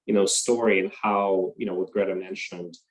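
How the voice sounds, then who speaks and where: A man's voice: sits low, fairly even intonation, normal speed, low-quality recording. A young man introducing himself on a video call panel. He hesitates often and fills gaps with uh and you know. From Russia. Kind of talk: casual self-introduction.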